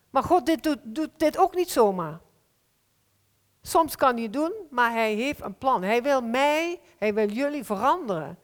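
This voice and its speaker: A woman preaching a sermon to a congregation in a heartfelt, earnest way, slowing down to stress key phrases. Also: a little high. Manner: earnest, heartfelt, with slow emphatic stretches. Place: church hall. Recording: long hall reverb.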